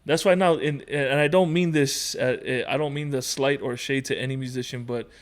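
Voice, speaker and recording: This is a casual conversation with a man from Hawaii, apparently in his thirties, who rambles through stories with fillers as a laid-back podcast guest. He speaks in a mid-range voice at a moderate pace.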